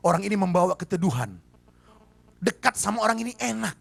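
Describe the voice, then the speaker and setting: A man's voice: sits high, big pitch swings, fairly quick, gravelly. A man preaching a sermon, emphatic and firing rhetorical questions at the congregation. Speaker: pastor. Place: church service.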